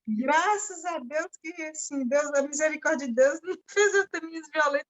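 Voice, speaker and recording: A woman, a participant in the class, telling a story in a lively way with quoted lines. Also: high-pitched, normal speed. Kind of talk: casual chat.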